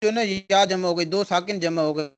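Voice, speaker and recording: A man's voice: sits high, clear, resonant tone. A male teacher giving an online grammar lesson, explaining step by step and answering his own questions. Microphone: video call.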